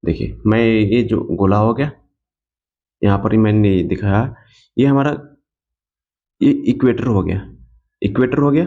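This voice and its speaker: A man's voice: mid-range voice, warm tone. Man teaching, dull recording. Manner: repeats key points, asks and answers own questions. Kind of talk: exam coaching lecture. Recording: dull lo-fi sound.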